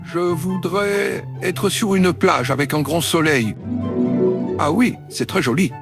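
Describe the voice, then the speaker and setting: A man plays a gluttonous, idle senator in a comedy sketch. He sounds slow, dreamy and self-indulgent, fairly high in pitch, with loud music underneath. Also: creaky. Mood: dreamy, greedy. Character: lazy, gluttonous senator making greedy wishes.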